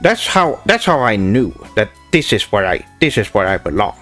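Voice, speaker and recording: With faint music in the background, a young man from Sweden streams and answers his chat, playing up a pompous anime-obsessed persona full of Japanese words. His pitch is fairly low but swings widely, his tone fairly bright, and his pace moderate. Hesitant "uh"s and restarts crop up again and again as he reads the questions out.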